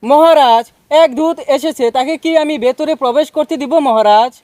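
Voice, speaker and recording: Guy putting on a dopey comic general, high voice. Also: moderate pace, a little mellow, dry recording. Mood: curt. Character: dim-witted male army general.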